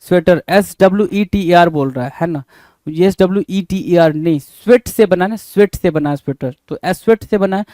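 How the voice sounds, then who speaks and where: A man's voice: high-pitched, normal speed, warm tone, no room sound. A man teaching English spelling in Hindi, spelling words letter by letter and repeatedly asking the listener what the answer is. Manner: repeats questions to the listener, often adding "bhai".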